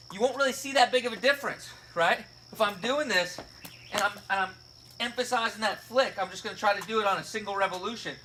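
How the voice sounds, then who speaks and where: A man's voice: high voice, background noise. A man giving a casual fitness lesson, explaining step by step and checking in with "right?" and "okay?". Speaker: fitness coach. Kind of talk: casual instructional video.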